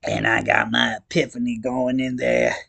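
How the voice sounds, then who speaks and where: Man reading as a repentant clown troll, gravelly, slow and weepy with a lot of swearing. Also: medium pitch, little pitch movement, pushed and bright, dry recording, heavily acted. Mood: tearful ranting. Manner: slow drawling rant full of swearing. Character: sobbing male clown troll, crude and repentant.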